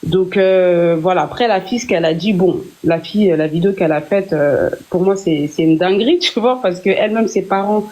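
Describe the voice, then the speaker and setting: A woman's voice: fairly low pitch, brisk, hardly any pauses, a little mellow. Young French woman speaking candidly. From France. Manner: candid, earnest, many restarts and fillers. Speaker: guest on a live stream. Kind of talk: casual live chat.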